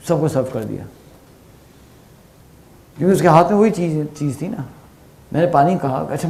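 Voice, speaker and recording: Middle-aged male teacher, slightly high, warm tone, chatty lecturing with stories and rhetorical questions. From Pakistan. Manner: animated storytelling with rhetorical questions and English phrases. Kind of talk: conversational lecture.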